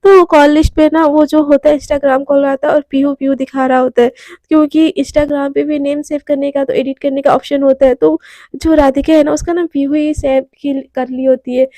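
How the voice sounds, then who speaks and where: A woman's voice: high-pitched, little pitch movement, normal speed, dark tone, no room sound. Chatty young woman telling a story. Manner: chatty, addresses the listener. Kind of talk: casual spoken storytelling.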